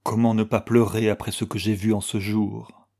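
A man's voice: lowish voice, level tone, normal speed, vocal fry, a little mellow. A man voicing a tearful, anxious old pastor who pleads and frets, in an audiobook reading. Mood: pleading. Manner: pleading, flustered.

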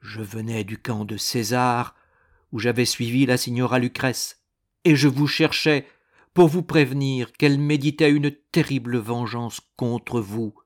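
A man's voice: medium pitch, fairly even intonation, unhurried, lightly acted. A man doing a small secretive steward. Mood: earnest. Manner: earnest, eager to explain.

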